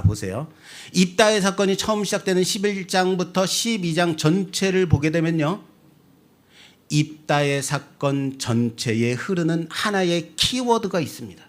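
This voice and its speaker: A man, a pastor, preaching a sermon, asking the congregation questions and swinging between loud emphatic lines and quiet drops. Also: sits high.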